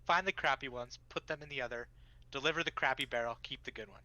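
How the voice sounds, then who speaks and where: A man with a bright, slightly high voice plots out schemes in character at a tabletop game. The sound is dry and a little dull, like a lo-fi mic. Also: quick pace, no room sound. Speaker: player. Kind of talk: in-character tabletop role-play.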